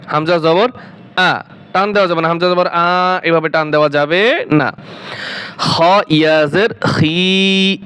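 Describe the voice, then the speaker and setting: A man teaching Quran reading in a slow spelled-out lesson, drawing out syllables and then explaining briskly, asking and answering his own questions. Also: fairly high pitch, a bit bright.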